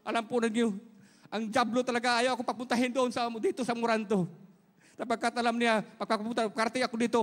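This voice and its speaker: A man's voice: very high-pitched, little pitch movement, fast, a bit bright, long reverb tail. A middle-aged man from Surigao, Philippines, giving an emotional church testimony, earnestly addressing listeners as beloved. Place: large church hall.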